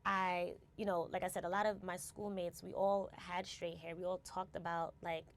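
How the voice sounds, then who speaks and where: Her voice fairly low and nearly flat in pitch, this American founder reflects as a guest at a moderate pace. She tends to end phrases with "right?" and restarts words.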